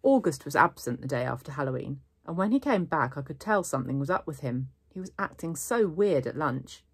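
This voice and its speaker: A woman's voice: low voice, brisk, breathy edge. A woman with an English accent, a primary school teacher reading a children's novel aloud in the first person. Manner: first-person storytelling, steady and lively.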